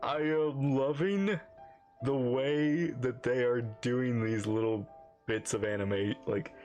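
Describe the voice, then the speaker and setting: A woman doing casual, expressive reaction commentary as she plays a video game and reads its dialogue. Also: very deep voice, slow pace, dull audio. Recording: faint game music behind.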